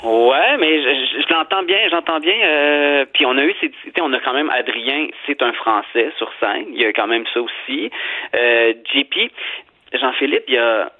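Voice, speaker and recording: A man's voice: medium pitch, moderate pace. A Québécois man speaking as a guest over a tinny phone line, his voice thin and narrow. He talks in a mid-range voice and gropes for words, restarting phrases and filling gaps with "euh" and "tu sais" as he explains his thinking. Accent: Québécois French. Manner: thoughtful, rambling with many restarts and fillers. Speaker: theatre director, guest. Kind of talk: radio interview.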